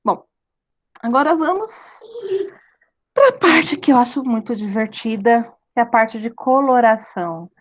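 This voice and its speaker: A woman's voice: fairly high pitch, animated, unhurried. A woman teaching a live online drawing class, chatty and playful, laughing at her own slips. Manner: chatty, laughing, self-deprecating asides.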